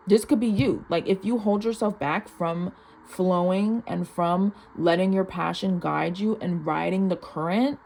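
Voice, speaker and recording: A young woman with a mid-range, slightly mellow voice reads tarot cards in a loose, chatty, mystical way. She rambles informally and leans heavily on the word "like." Background noise can be clearly heard.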